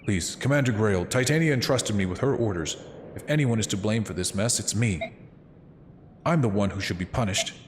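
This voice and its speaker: A man's voice: lowish voice, fairly quick, a little hiss or hum, lightly acted. A man reading a dutiful female deputy commander. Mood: earnest.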